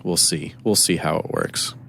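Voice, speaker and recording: His voice is low and gravelly at normal speed, with slight background noise behind it. As a podcast co-host in casual conversation, he spins rambling, animated stories packed with quoted exchanges.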